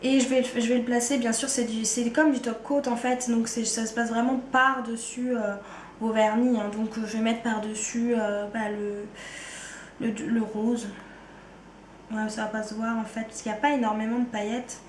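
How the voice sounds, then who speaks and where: A beauty vlogger with a slight Ardennes French accent chats loosely to camera about her favourite things, slangy and casual, letting sentences trail off with "quoi." Her voice is a little high and level, at a moderate pace, recorded in a reverberant space with faint hiss or hum.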